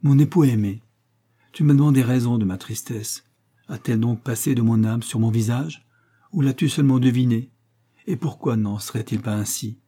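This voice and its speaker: Here a male reader voices a young wife's earnest, tender letter full of moral counsel. He sounds husky, dark and mellow at a medium pitch, moving at normal speed with a lightly acted, steady solemnity.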